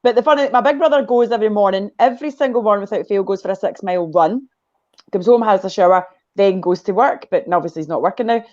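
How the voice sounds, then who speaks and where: A woman's voice: mid-range voice, quick pace, darkish tone, dull audio. A Scottish woman chatting as a guest on a video call, telling a long story and drifting off on tangents. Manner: rambling storyteller, goes off on tangents. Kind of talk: casual chat.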